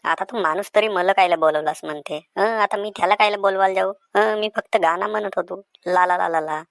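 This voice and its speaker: A man's voice: high voice, fairly quick, creaky, a bit bright, dry recording, studio quality. A man voicing a defensive, grumbling village mango seller with a Vidarbha Marathi accent. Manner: sing-song, defensive, grumbling. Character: cheerful singing village mango seller Diwakar.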